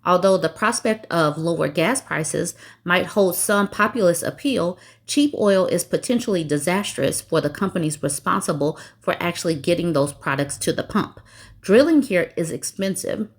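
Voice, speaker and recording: A woman hosting political commentary, reading news articles aloud and breaking off into sarcastic, mocking asides. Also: fairly low pitch.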